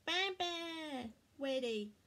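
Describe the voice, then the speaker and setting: A tiny baby boy from a picture book, voiced by a woman reader, shrieking out his lisping baby talk. His voice is high and his words come slowly. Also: expressive, pushed and bright, full character voice. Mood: babyish.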